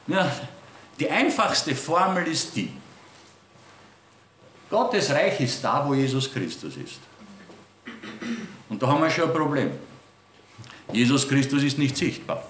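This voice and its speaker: A man preaching a sermon in a lively, dramatic way, acting out dialogue with God. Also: fairly high pitch. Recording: echoey room, faint ambience.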